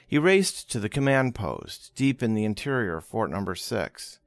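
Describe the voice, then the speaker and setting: A man reading a history book aloud as an audiobook, expressive and dramatic, closely recorded. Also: lowish voice, moderate pace, no room sound, studio quality. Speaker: audiobook reader.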